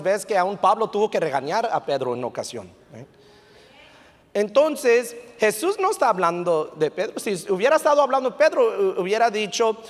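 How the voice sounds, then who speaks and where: A man preaching a sermon as pastor, telling stories in an animated way and sprinkling English fillers into his talk. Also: sits high. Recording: long reverb of a church hall.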